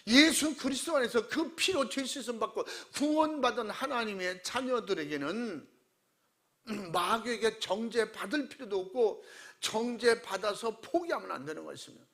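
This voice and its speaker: A man pastor preaching a sermon, animated and acting out quoted voices with shouts. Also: high voice, gravelly.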